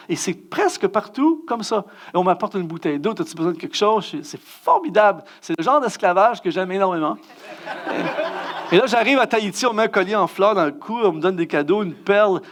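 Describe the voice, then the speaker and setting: Man, Quebec French accent, middle-aged, guest preacher, storytelling sermon, self-mocking, high-pitched. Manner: animated, self-mocking, acts out scenes with big pitch jumps.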